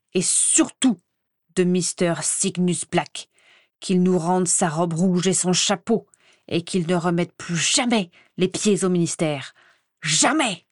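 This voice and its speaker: A man's voice: sits high, no room sound, clean studio sound. A woman doing a furious, pompous ministry boss. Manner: barking orders.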